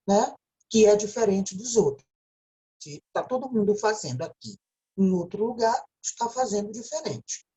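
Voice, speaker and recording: A teacher with a Brazilian Portuguese accent gives a recorded video lecture in a mellow, medium-pitched voice, explaining step by step and often checking in with a tag question. The recording is rough.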